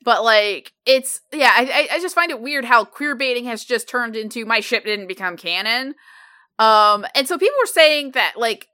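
A woman's voice: a little high, animated, moderate pace, pushed and bright. A woman co-hosting a podcast in casual chat, frank and blunt, stumbling over her restarts. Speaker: podcast co-host.

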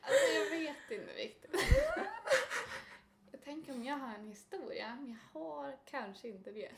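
A woman co-hosting a podcast, chatting casually in a relaxed way with brief replies. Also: high voice, vocal fry, echoey room, background noise. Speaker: podcast co-host. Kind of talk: casual chat.

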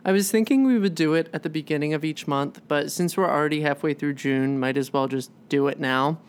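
A woman's voice: deep voice, a little fast, smooth. A young woman co-hosting a podcast in casual chat, full of "like" fillers and quoted asides. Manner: chatty, lots of "like" fillers, animated quoting. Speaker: podcast co-host.

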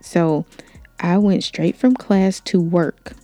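A young woman hosting a podcast, telling a personal story in a candid, animated way, with slang. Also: on the low side, takes it slowly, dry recording, faint music behind. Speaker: podcast host. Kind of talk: story time.

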